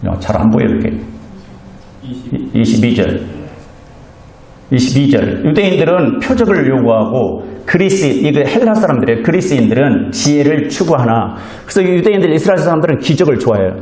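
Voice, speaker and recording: A man's voice: medium pitch, sing-song, a little fast, darkish tone. A male Korean pastor preaching a sermon in a church, earnest and conversational, acting out little quoted exchanges with the congregation. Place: church sanctuary. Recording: echoey church hall.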